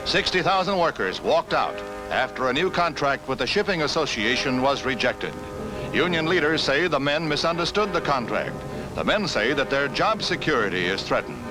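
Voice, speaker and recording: A man's voice: moderate pace, poor audio. Old 1950s newsreel guy, american, punchy announcer voice bouncing up and down, music going under him. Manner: emphatic announcer delivery with lively pitch. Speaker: newsreel narrator. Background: newsreel music score.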